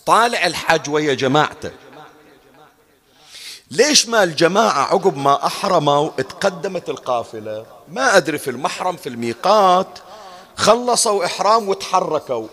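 A man giving a religious sermon in a majlis, telling a story and voicing its people, rising to high pleading calls and dropping low and soft. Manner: rises to high pleading calls when quoting invocations, then drops low and soft. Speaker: preacher. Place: majlis gathering hall.

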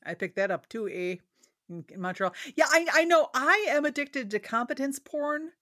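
A woman's voice: high-pitched, normal speed. A woman hosts a casual podcast chat, teasing her guest and laughing readily. Her voice sits a bit above the usual female range. The close, dry recording has no room echo. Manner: laughs a lot, lively teasing. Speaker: podcast host and writer.

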